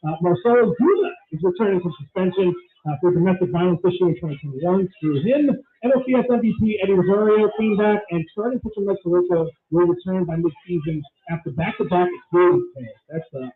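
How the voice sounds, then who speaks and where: A man hosts a sports talk show in a loose, rambling way. His voice sits high. The sound is narrow and tinny, like a phone line. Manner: rambling, quick banter with laughs. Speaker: sports radio host. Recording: tinny phone-like radio audio.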